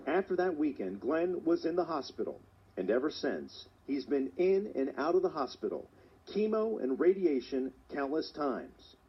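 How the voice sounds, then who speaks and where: A man reporting as a news journalist, narrating a scripted story in a measured way. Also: on the high side, big pitch swings, husky. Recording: dull lo-fi sound, faint hiss.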